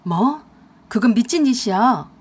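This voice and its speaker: A woman voicing a young husband who blusters and defends himself loudly in a radio drama. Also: a little high, expressive, measured pace, breathy edge. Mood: loud, alarmed. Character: angry young husband caught out, blustering man.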